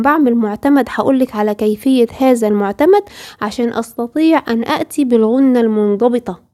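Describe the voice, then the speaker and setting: A woman's voice: on the high side, warm tone. A woman with an Egyptian Arabic accent teaching tajweed, explaining patiently and asking her female student rhetorical questions. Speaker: Quran recitation teacher. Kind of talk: tajweed lesson.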